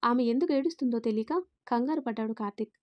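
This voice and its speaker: Woman storyteller, high dry voice. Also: fast, no echo, lo-fi sound. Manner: reads all characters in her own voice, lifting louder for quoted lines. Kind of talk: scripted narration with character dialogue.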